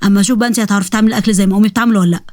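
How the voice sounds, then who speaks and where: A woman's voice: medium pitch, steady tone, very fast, darkish tone, no room sound, studio quality, lightly acted. A woman doing a chatty, boastful young Egyptian man. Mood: excited. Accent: Egyptian Arabic. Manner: chatty, joking, rambling. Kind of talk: storybook narration with character voices.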